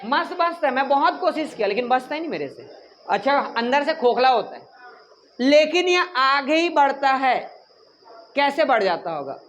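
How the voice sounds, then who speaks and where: A man teaches a class in an animated, joking way, quizzing and teasing his students and snapping at the chatty ones. He sounds like a lively classroom lecture. Faint noise sits under his voice. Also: extremely high pitch, moderate pace.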